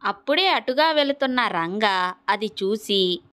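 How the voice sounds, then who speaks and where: A woman narrating a children's moral story in a steady, expressive manner. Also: medium pitch, measured pace.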